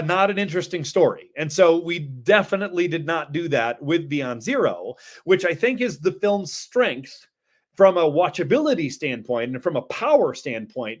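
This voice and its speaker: Earnest filmmaker man, fairly high voice. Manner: earnest, explains at length with fillers. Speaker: documentary filmmaker. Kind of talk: interview answers.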